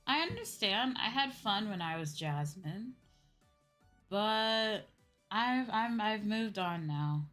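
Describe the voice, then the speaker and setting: A young adult woman streams as a VTuber, chatting casually and answering chat in a musing, hesitant way over background music. Her medium-pitched, fairly bright voice is slow with lively intonation, though it sounds a bit sore and tired after a day of talking.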